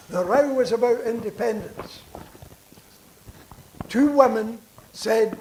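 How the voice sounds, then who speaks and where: A veteran politician, an older man, makes his case on a conference panel with earnest persuasion, repeating and restarting words as he stresses his points. His voice sits high and is a little mellow, recorded in an echoey hall with background noise.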